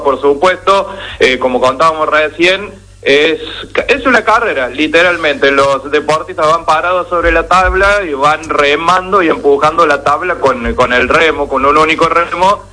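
An Argentine man reporting on radio, explaining things for the audience at length. His voice sits a little high and sounds bright and forceful. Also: low-quality recording. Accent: Argentine Spanish. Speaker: radio journalist. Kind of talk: radio commentary.

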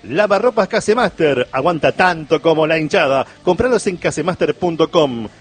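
A man's voice: fairly high pitch, expressive, normal speed, breathy edge. A man reading radio commercials in an upbeat, salesy way. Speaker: commercial announcer. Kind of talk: radio advertisement read.

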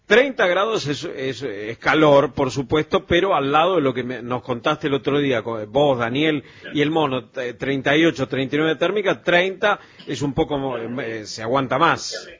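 A man's voice: mid-range voice, lively intonation, moderate pace, fairly bright tone, breathy edge. A man with an Argentine Rioplatense accent hosting from the radio studio, chatting casually and joking with his field reporter. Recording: dull lo-fi radio sound.

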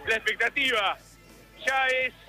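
High bright-voiced man reporting live. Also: soft background music, poor audio. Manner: quick questions to passers-by. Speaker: street reporter. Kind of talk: live radio street reporting. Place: crowded city square outdoors.

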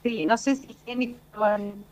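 A woman's voice: medium pitch, fairly even intonation, moderate pace, a little mellow. An Argentine woman speaking as a teacher guest in a phone-in interview, her line choppy and crackling as it cuts out. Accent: Argentine Spanish.

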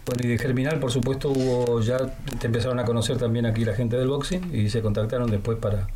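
A man's voice: mid-range voice, steady tone, fast talker, dark tone, a little hiss or hum. A man with an Argentine accent hosting a radio sports interview, chatty and full of leading questions and fillers. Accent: Argentine Spanish.

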